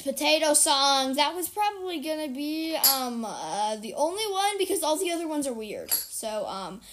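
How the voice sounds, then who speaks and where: High-pitched child host in natural unscripted talk. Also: sing-song, normal speed, background noise. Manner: playful, rambling, repeats words. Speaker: podcast host. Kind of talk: natural unscripted talk with improvised silly karaoke singing.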